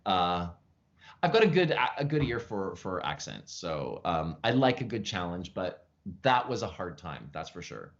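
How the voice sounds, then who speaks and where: Animated chatty man on video call. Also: measured pace, highs cut off. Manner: animated storytelling with lively pitch jumps; frequent fillers and restarts, chatty. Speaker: actor, interview guest. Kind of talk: casual interview over video call. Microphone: video call from home.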